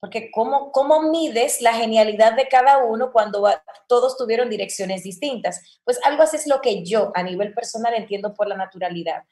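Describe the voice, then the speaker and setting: Dominican woman guest, raised pitch, expressive delivery that slips into quick acted examples; echoey room. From Dominican Republic. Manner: expressive, acts out example lines in varied voices. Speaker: guest, voice-over mentor. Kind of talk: casual interview talk.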